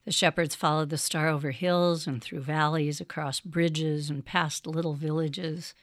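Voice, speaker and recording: Gentle storybook Santa, old and kind, warm and patient; a woman reads him. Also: low-pitched, steady tone, a little slow, no echo. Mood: kindly.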